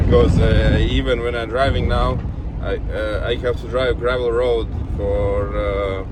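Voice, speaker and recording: A man in his thirties with a Latvian accent, talking casually for his vlog while driving a forestry machine, halting and searching for English words. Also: mid-range voice, steady tone. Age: 30s. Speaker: forestry machine operator vlogger. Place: forestry vehicle on a gravel road. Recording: loud engine noise behind.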